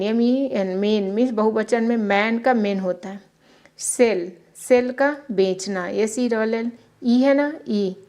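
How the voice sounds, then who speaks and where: A woman teaches a slow beginner phonics lesson. She spells words out letter by letter in a patient, repetitive way. Her voice sits a little high for a woman. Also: mellow. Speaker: English teacher.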